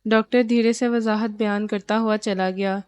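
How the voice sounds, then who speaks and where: A woman narrating a novel aloud as an audiobook reader, in steady storytelling. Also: medium pitch, smooth, dry recording.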